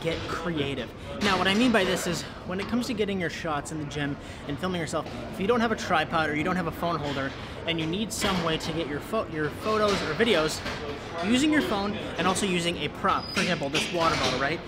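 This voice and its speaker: A man's voice: on the high side, fast talker, loud music behind the voice. A young man filming a casual how-to vlog in a large indoor gym, chatty and explaining step by step to a nearby camera. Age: young adult. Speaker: fitness video creator. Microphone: camera close up and on tripod.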